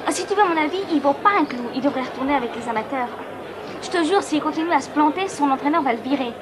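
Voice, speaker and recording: Young woman playing a shy patient girl, high voice, noisy busy background, VHS film sound. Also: lively intonation, fast, a crowd in the background. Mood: chatty. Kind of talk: French dub of a TV film.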